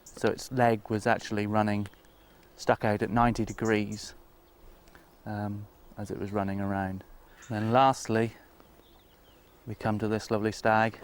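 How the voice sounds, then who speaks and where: A man who works as a deer stalker, explaining informally in a halting, matter-of-fact way. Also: lowish voice, level tone, smooth.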